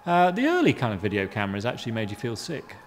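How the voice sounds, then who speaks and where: A man's voice: mid-range voice, huge pitch swings, quick pace, a little hiss or hum. A man in his fifties from Guyana, an artist giving hesitant, wry interview answers with many ums and restarts. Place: art gallery exhibition space. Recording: reverberant room.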